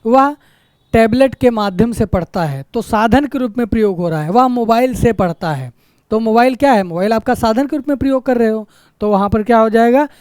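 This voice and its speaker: Clear, dry-voiced grammar teacher. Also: medium pitch, brisk, a little mellow, no room sound. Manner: repeats examples, asks rhetorical questions, frequent tag "है ना". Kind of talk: explanatory lesson.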